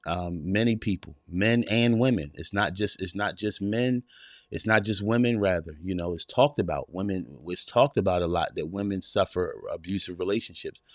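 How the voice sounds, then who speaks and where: A man's voice: on the low side, dry recording, clean studio sound. A man in his forties hosting a live podcast stream from a small home room, speaking in a preacher-like rhythm, repeating phrases and greeting viewers. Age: 40s. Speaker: podcast host.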